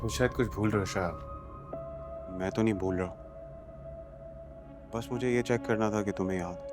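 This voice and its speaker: A man's voice: on the low side, normal speed, music in the background, close to an everyday voice. A man playing a restrained, firm young man. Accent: Pakistani. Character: humble, responsible young man holding back his anger.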